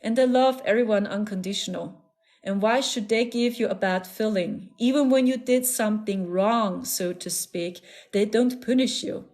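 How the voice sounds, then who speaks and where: A woman with a German accent channels on a live stream, speaking at normal speed in a mid-range voice with a darkish tone. Her manner is earnest, repetitive and soothing, dotted with little laughs.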